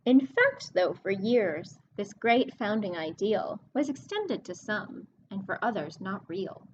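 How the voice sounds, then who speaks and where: A children's librarian hosting story time reads a picture book aloud, expressive and explanatory, stopping to talk with her young listeners. Her voice is medium-pitched, and the recording is muffled with a little hiss or hum.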